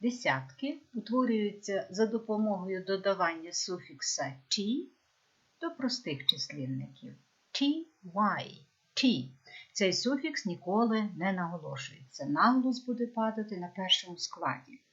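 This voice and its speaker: A woman teaching a lesson, saying each word with clear, careful pronunciation and drilling them by repetition. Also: mid-range voice, lively intonation, moderate pace, a bit bright. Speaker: English teacher. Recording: dull lo-fi recording.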